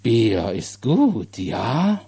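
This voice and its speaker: A man voicing a simple, excitable grown man who claims to be God, in short broken sentences with a booming bass voice. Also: drawn-out words, vocal fry, breathy edge, heavily acted. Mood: fretful.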